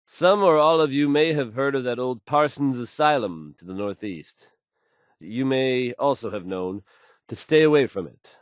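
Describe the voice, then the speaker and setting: In a studio-quality recording with no echo, a man speaks at medium pitch and moderate pace in a natural voice. He is an actor voicing a confident, easygoing radio newsman in a video game, suave and wry, with a polished, folksy delivery. The mood is wry and assured, and the smooth radio news read is scripted.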